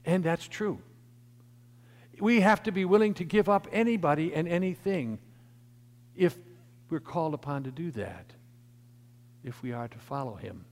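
A man preaching a sermon, his emphatic delivery swelling louder and then dropping soft. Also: fairly high pitch, lively intonation, moderate pace, long pauses. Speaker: pastor. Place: church sanctuary. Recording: long church reverb.

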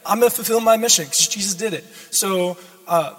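A young adult guest preacher from Minnesota in the United States delivers a sermon to a congregation in a large church sanctuary. His voice is hoarse, high-pitched and fairly quick, earnest and exhorting with informal check-ins, and the recording echoes with the sanctuary's reverb.

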